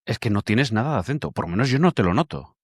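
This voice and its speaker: Podcast host: older man, animated intonation, chatty, dry close sound. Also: fairly low pitch, fast talker, husky, no echo. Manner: chatty, swears casually, animated. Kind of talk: casual interview conversation.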